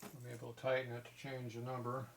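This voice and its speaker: A man's voice: mid-range voice, completely flat delivery, quick pace, distant mic. A man explaining machine work as he does it, thinking aloud in short, clipped phrases about his measurements. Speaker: motorcycle engine machinist. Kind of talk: hands-on workshop explanation, muttering measurements while working. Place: workshop. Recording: clearly noisy workshop, clicking tools.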